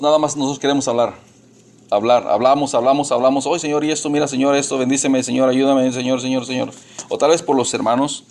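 A man preaching a sermon to his congregation in a folksy, repetitive way, with restarts and an uneven pace. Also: medium pitch. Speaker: pastor.

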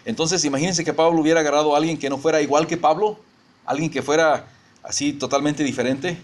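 A middle-aged pastor preaches to his congregation in a loose, conversational way. His voice sits a little high for a man, and he often restarts his sentences as he talks things through. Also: fairly even intonation, fast talker. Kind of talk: sermon.

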